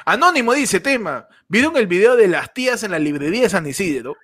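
A man with a Peruvian accent co-hosting a casual comedy podcast, loud and joking, laughing often. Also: sits high, sing-song, brisk, slightly rough. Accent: Peruvian Spanish. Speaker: podcast co-host.

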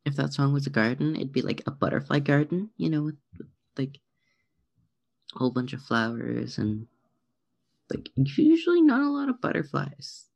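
A podcast co-host with a gravelly, fry-laden voice at a middling pitch. They ramble through their thoughts with hesitant restarts and laugh at their own confusion. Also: a little mellow. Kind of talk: casual chat reviewing songs.

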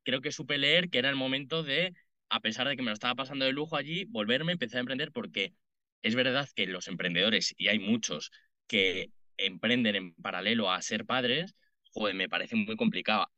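A Madrid-born entrepreneur in his late thirties answers podcast interview questions informally, with a Madrid Spanish accent. He talks briskly in a mid-range, sharp-toned voice. The audio is dull but free of echo.

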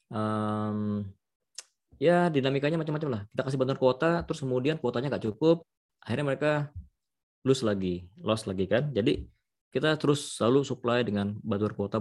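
A middle-aged man, a professor and vice dean, giving a long, thoughtful interview answer with many pauses and restarts. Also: medium pitch, darkish tone. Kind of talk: interview answer, casual explaining.

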